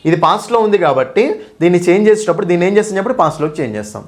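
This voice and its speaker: Fast-talking man teaching a lesson. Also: high-pitched, animated. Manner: explains step by step, keeps asking students questions. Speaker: English teacher. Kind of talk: exam-prep lesson.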